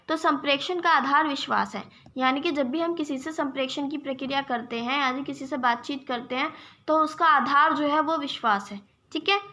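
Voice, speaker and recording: A woman's voice: high-pitched, bright, forceful tone. A young woman teaching an exam-prep lesson, explaining step by step and checking in with her viewers as friends. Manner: addresses viewers as "friends", gives examples.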